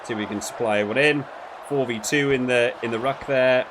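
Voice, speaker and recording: Against a noisy background, a medium-pitched man speaks a little fast while giving laid-back commentary on a rugby game. He is a video creator reviewing it, wandering from thought to thought as he goes.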